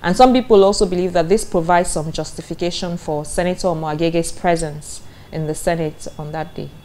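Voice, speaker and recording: A woman in her thirties with a Nigerian accent presents and conducts interviews for a television news programme, delivering scripted narration. Her fairly low voice is steady, brisk and a little mellow. There's slight background noise.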